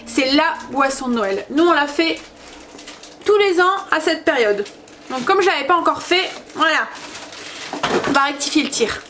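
Woman, mother vlogging from her kitchen: high voice, chatty and meandering, lots of hesitations. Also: animated, moderate pace, long pauses, background noise. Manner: rambling, chatty, full of hesitations. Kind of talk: casual chat to camera.

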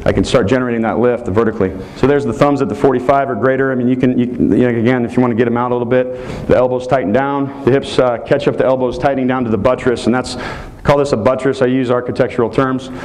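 A man in his thirties runs a live football technique clinic in a hotel meeting room, explaining each move as he demonstrates it. His mid-range, darkish voice is fairly even and fast, with hardly any pauses, on poor audio.

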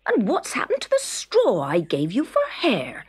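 A woman voicing a brisk male farmer scolding his scarecrow in a storybook. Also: fairly high pitch, wildly swooping pitch, slightly rough, voice pushed up, heavily acted.

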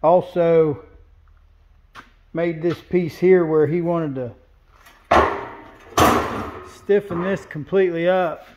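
In a large indoor metal fabrication shop, a welder and fabricator walks through his work, pointing things out in a plain-spoken, casual way. His voice sits on the high side with a level tone, and he talks extremely slowly with frequent pauses. The recording is very noisy.

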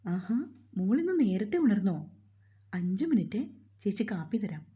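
A woman's voice: medium pitch, very animated, normal speed, mellow, close to an everyday voice. A woman voicing a kind, motherly older housekeeper who fusses and coaxes with worried questions. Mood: fussing. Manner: doting, coaxing questions.

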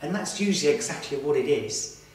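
A man in his thirties presenting to camera in a slow, earnest, reflective way, inside a stone church. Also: a little high, lively intonation, darkish tone. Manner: slow, earnest, with emphatic pauses. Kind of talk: reflective documentary talk to camera. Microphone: far camera mic. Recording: echoey church from far off.

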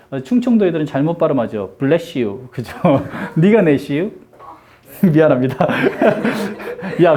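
Animated Korean English teacher. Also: medium pitch. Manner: animated, jokey, drills repeat-after-me phrases. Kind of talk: classroom lecture.

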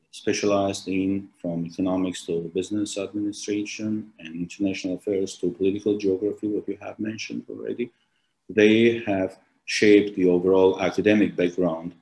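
This Armenian author's formal book presentation is halting and filler-heavy, with repeated restarts and ums delivered in a deep, darkish voice that stays mostly flat in pitch. The low-quality recording comes from his laptop webcam during a video call in a small office with a plain wall.

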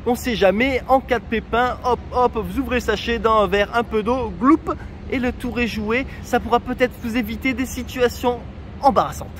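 A man's voice: very high voice, fairly even intonation, moderate pace, a little hiss or hum. Chatty man giving travel tips. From France. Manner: chatty, joking, direct advice to viewers. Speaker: travel vlogger. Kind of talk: casual travel tips vlog.

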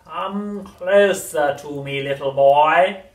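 A reader voicing a nasty, witchlike old grandmother in a storybook reading, slow and loud with drawn-out gloating words, recorded in a roomy space away from the mic. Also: mid-range voice, recorded from a distance, voice pushed up, close to an everyday voice. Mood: coaxing.

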